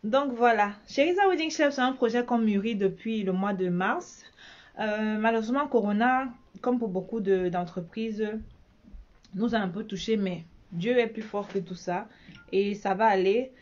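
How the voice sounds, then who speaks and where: A woman's voice: mid-range voice, moderate pace, a little mellow, highs cut off. A woman from Cameroon with a Cameroonian French accent, chatting casually in a vlog as a bridal shop owner, repeating herself often.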